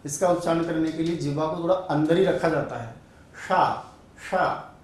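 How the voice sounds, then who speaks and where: Man, Sanskrit teacher, fairly high voice, repeats syllables, questions and answers himself, heavy room echo, distant mic. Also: a little fast, a little mellow, slight background noise. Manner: drills sounds aloud, asks and answers his own questions. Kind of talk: online exam-prep grammar lesson. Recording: very echoey room, voice a bit far from mic.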